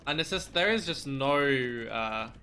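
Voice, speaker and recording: A male caster with a bright, forceful voice calls a strategy match live, breaking down each play and how it should go. He laughs easily with his co-caster, and a faint hiss sits under his streaming mic. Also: a little high, lively intonation, normal speed. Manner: analytical, laughs often, some restarts. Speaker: esports caster. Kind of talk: live game commentary.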